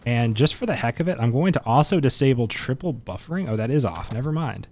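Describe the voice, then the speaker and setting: A man's voice: medium pitch, expressive, fast, a little mellow. Man doing chatty gameplay commentary. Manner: chatty, opinionated, mildly exasperated. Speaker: gaming content creator. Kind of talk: casual gameplay benchmark commentary.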